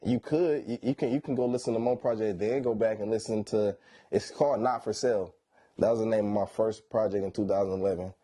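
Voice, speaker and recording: Fairly low-pitched and dark, his voice stays steady while moving fairly quickly. He is a thirty-year-old R&B singer being interviewed casually while high on weed. He speaks in a stoned, laid-back slangy drawl, peppered with "you know what I'm saying."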